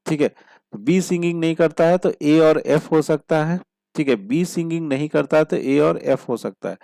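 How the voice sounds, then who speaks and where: A man's voice: fairly high pitch, warm tone, no room sound. Man teaching a logic puzzle step by step. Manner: rhetorical questions answered himself; reads problem statements slowly in English. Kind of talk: step-by-step puzzle-solving lesson.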